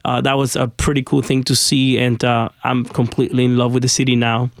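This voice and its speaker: Flat-voiced friendly man, dry studio sound. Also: medium pitch, brisk, gravelly, dry recording. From Honduras. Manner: friendly, talkative, with fillers. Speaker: guest musician. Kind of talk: radio interview.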